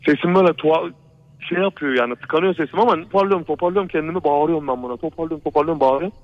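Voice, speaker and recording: A man on a call-in radio show rattles through a personal scare story at a quick clip, his voice sitting a touch high for a man. He rambles and repeats himself, looping back to the same phrases again and again. The sound is dull and lo-fi, like an old radio broadcast. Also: no room sound. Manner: rambling, repetitive, keeps saying "brother" and "he said". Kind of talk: telling a true horror story on a call-in show.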